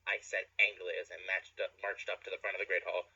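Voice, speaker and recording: A man doing a deadpan, sardonic mock-dramatic fanfiction reading, recorded lo-fi. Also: deep voice, fast, slightly rough. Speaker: comedic fanfiction reader. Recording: lo-fi, dull sound.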